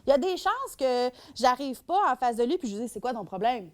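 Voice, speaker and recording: A woman with a Québécois accent giving a public talk about her work at a shelter. She lectures in an animated way and acts out everyday scenes. Her voice sits fairly high. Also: brisk. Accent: Québécois French. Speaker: domestic violence shelter worker giving a talk.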